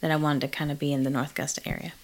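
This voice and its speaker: A middle-aged woman with a notably low voice talks through her experiences as a therapist. She speaks in a relaxed, reflective way, pausing with small fillers as she goes. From Malawi. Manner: reflective, frequent ums and laughs. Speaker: therapist in private practice. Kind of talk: casual interview conversation.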